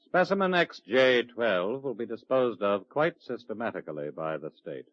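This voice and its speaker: Another take on the icy, smug state official from a vintage 1950s radio drama: this actor uses a medium-pitched, animated voice at normal speed, acting it lightly with cold sarcasm and control. The broadcast audio is dry and muffled.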